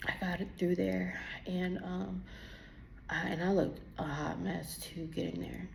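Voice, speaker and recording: A young woman, teary from crying, tells a personal faith testimony in a casual, animated way, acting out her own dialogue. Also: on the low side, a little slow, creaky, slight background noise. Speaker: vlogger giving a testimony.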